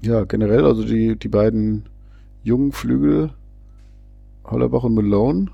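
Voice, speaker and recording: A man's voice: fairly low pitch, fairly even intonation, normal speed, creaky, breathy edge, dry recording, muffled recording, soft background music. A man giving casual, chatty football commentary, often hesitating and restarting his sentences. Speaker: fan co-commentator.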